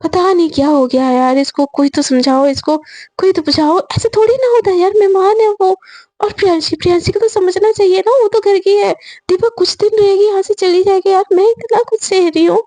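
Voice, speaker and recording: A woman voicing a gentle young woman who keeps the peace with a soothing, pleading manner. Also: very high-pitched, brisk, no echo, pitched above the performer's own voice. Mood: coaxing.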